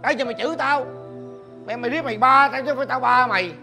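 An actor with a Southern Vietnamese accent playing a gruff, hot-tempered middle-aged father who scolds and curses loudly. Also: mid-range voice, expressive, quick pace, soft background music. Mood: furious. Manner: shouting, scolding and cursing. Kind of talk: film acting.

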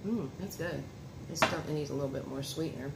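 In an echoey home dining room with clear background noise, a woman in her thirties talks fast in a deep voice. She's a food reviewer vlogger, casually chatting and tasting food for her vlog, homey as she unwraps food and speaks to viewers and her son at the table.

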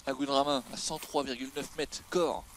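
A man's voice: mid-range voice, fairly even intonation, a little fast. Man bantering over noisy game audio. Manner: joking, bantering. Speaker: gaming video player and commentator. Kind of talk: casual gameplay chat with a friend.

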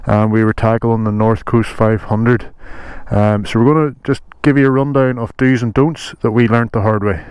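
A man giving relaxed, conversational riding advice to camera. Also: medium pitch, moderate pace. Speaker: motorcycle vlogger. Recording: clear outdoor noise behind.

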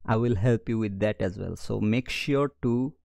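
Bangladeshi man, trading tutorial voice-over, gravelly tone, dry close sound, direct, keeps saying okay. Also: lowish voice, moderate pace, darkish tone, no room sound. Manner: direct, repeats "okay" to check in. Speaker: trading educator. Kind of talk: screen-share trading tutorial.

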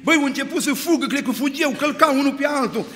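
A man preaching a sermon, retelling scripture stories with lively, rising emphasis. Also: very high voice. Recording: long hall reverb.

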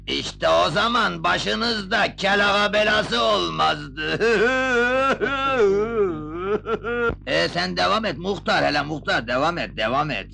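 A laughing village hero with a strongly gravelly, bright voice, speaking slowly. He jokes and talks in playful rhymes over faint outdoor ambience. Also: sits high, slight background noise, heavily acted. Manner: joking, laughing, rhyming speech.

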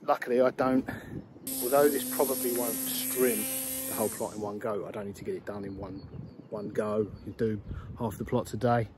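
A man's voice: on the low side, steady tone, normal speed, noisy background. A man vlogging casually from his allotment, rambling and correcting himself as he goes. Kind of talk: casual outdoor vlog. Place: outdoors on an allotment.

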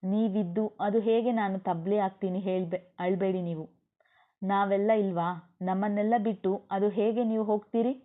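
A woman voicing a young niece who comforts her uncle with quick, earnest reassurance. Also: medium pitch, steady tone, natural voice. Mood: consoling. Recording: tinny phone-like audio.

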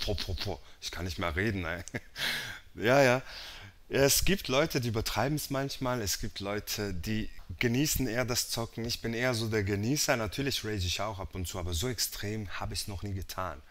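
A man commentating on a video for his viewers, talking in relaxed asides. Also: fairly low pitch. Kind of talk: casual commentary.

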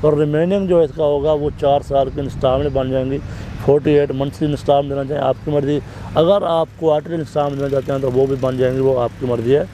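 A man's voice: fairly high pitch, dark tone, a little hiss or hum, rough recording. A man in his thirties with a Pakistani Urdu accent, a real estate agent steadily explaining a project's prices and figures, seated outdoors on a park bench. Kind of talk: informational property walkthrough.

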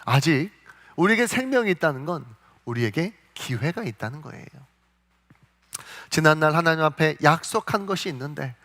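A male pastor preaching a sermon in a church. He asks the congregation questions, answers them himself, and slows down to act out scripture quotes. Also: fairly high pitch, expressive, fairly bright tone. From South Korea. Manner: acts out God's and Moses' words with slow, stressed delivery. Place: church sanctuary.

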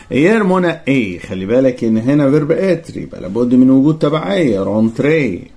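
A young man with an Egyptian Arabic accent teaches French grammar for an exam, his voice rising and falling a great deal as he talks. He reads the French sentences slowly and carefully, then moves into quick colloquial explanations. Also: mid-range voice, darkish tone. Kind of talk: exam-prep grammar lesson.

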